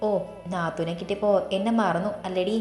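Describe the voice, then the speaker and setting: A woman's voice: lowish voice, fairly even intonation, brisk, darkish tone, lightly acted. A woman voicing a teasing elder sister calling on the phone in a storybook reading, in a roomy recording with faint music.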